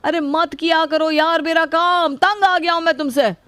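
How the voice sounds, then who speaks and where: A woman voicing a short-tempered young husband in a cartoon, shouting with irritation. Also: fairly high pitch, brisk, soft background music, natural voice. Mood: angry. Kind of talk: cartoon voice acting.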